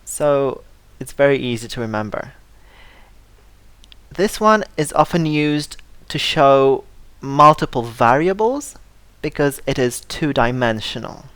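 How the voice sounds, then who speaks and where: Steady, deliberate English teacher, mid-pitched voice, dry close sound, repeats every word list for learners. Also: clear, resonant tone, no echo. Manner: slow, careful delivery, repeating word lists for learners; stresses syllables to model pronunciation. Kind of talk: scripted vocabulary lesson.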